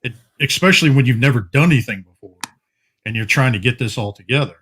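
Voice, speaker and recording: A man co-hosting a podcast, telling how the show started in a rambling casual way, full of fillers and quick laughs. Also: medium pitch, animated, fairly bright tone, slightly rough. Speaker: podcast co-host. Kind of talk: casual chat.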